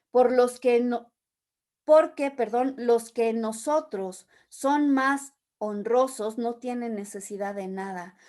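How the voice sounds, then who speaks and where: A woman's voice: fairly high pitch, darkish tone. A woman leading a Bible study, reading scripture aloud and explaining it with everyday examples. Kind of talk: Bible teaching.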